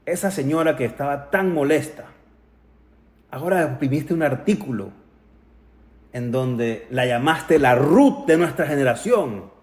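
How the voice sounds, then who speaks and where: A man giving a Torah talk as a lively story. He acts out the people in it, slips into English phrases and Hebrew terms, and closes with toasts. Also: mid-range voice, unhurried. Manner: ends with toasts. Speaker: Torah speaker. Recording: roomy echo.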